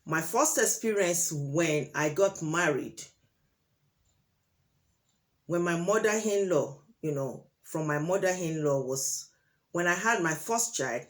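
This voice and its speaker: A Nigerian woman, first language Yoruba, vlogs her opinions straight to camera with an animated voice on the low side. She goes deliberately, with many pauses and fillers, and gets emphatic over key points.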